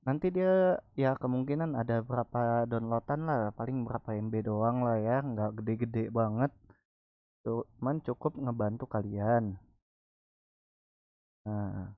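A man's voice: mid-range voice, dry recording. A man with a colloquial Jakarta Indonesian accent who can't roll his r's, chatting casually through a screen-recorded tutorial. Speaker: tutorial presenter. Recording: dull, lo-fi microphone.

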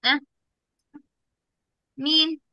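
A woman's voice: sits high, level tone, drawn-out words, bright, forceful tone, no room sound. A young woman teacher with an Egyptian accent, coaxing small children on a video call, repeating questions and praising each answer. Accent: Egyptian Arabic. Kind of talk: online class for young children.

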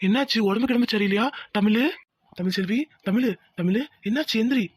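A man's voice: sits high, a little fast, no echo, clean studio sound. A man voicing a worried young village husband in a cartoon who keeps asking questions and pressing for answers. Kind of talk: cartoon voice acting.

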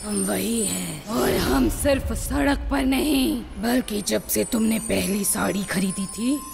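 A slow gravelly spirit woman. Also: mid-range voice, darkish tone. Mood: ominous. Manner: slow, ominous, pleading warnings. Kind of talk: TV drama acting. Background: music.

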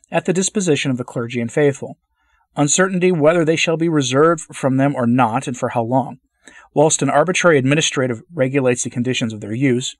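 Man reading a church document in a dry, measured voice. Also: medium pitch, no room sound. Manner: measured, deliberate delivery with occasional stumbles and restarts. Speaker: channel host reading a papal letter aloud. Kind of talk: formal read-aloud of a church document.

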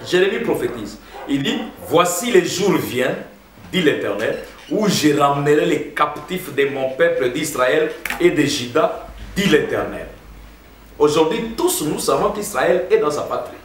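A man's voice: on the high side, expressive, a little slow, slight background noise. A man preaching a sermon as pastor, emphatic and addressing the congregation as brothers. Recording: roomy echo, heard from a distance.

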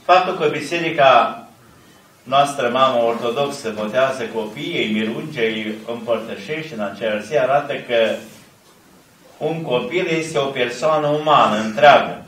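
An older priest reading a sermon from a lectern in measured, solemn phrases, with pauses between them. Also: male voice, medium pitch, fairly bright tone. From Romania. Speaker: archimandrite preaching. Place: large ornate church, indoors. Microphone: camera at a distance. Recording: echoey church heard from a distance.

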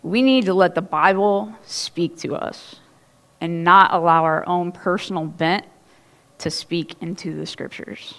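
A woman pastor in her thirties from Ohio preaches on a church stage, her fairly low voice moving at an unhurried pace. She tells her sermon casually, like a story, chatty and animated, with laughs and asides along the way.

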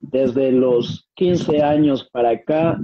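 A man's voice: mid-range voice, slow pace. A young man with a Peruvian accent answering interview questions over a webcam from a small room at home, polite and hesitant. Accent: Peruvian Spanish. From Peru. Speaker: guest singer. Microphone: video call, webcam. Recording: dull, dry video-call sound.

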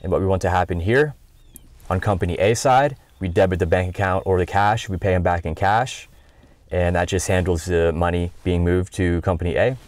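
An American tutorial instructor in his thirties guides listeners through software step by step, keeping it conversational and informal. His low voice holds a steady tone at a moderate pace, and the dry recording carries very little room sound.

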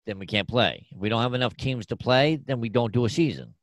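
A man's voice: mid-range voice, expressive, no echo. A man co-hosting a casual chat podcast, talking in an easygoing way and often restarting his sentences. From Arizona, Phoenix area. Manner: easygoing, with frequent restarts and slow spelled-out plugs. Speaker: podcast co-host.

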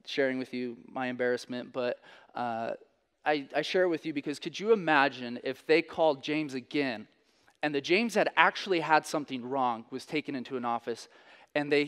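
Storytelling young pastor in reverberant church. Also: male voice, on the high side, smooth. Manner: candid, self-deprecating storytelling. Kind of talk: sermon with personal story. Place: church sanctuary. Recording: long church hall reverb.

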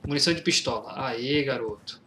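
This let's-play commentary comes from a young Brazilian gameplay YouTuber with a mid-range voice and a fairly quick delivery. Slangy and relaxed, he reads game dialogue aloud and grows excitable in fights, against train and game sounds.

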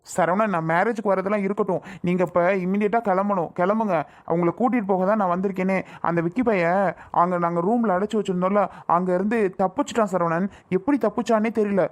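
A woman playing a worried young male friend in an amateur family drama skit, talking in a hurried, anxious way. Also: mid-range voice, steady tone, natural voice. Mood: urgent.

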